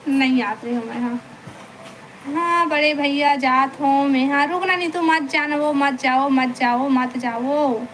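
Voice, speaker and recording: Chhattisgarhi woman vlogger, unhurried and coaxing, reading viewer comments aloud over a noisy phone line. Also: high voice, fairly even intonation, fairly bright tone. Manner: chatty, coaxing, greets viewers by name. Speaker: live-stream vlogger. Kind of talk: casual live chat reading viewer comments. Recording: noisy live-stream audio.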